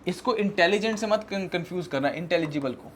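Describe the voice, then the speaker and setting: A man teaching English vocabulary for an exam in a mixed Hindi and English lecture, reading English definitions out slowly and checking in with students. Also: sits high, a little hiss or hum. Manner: tag questions to students.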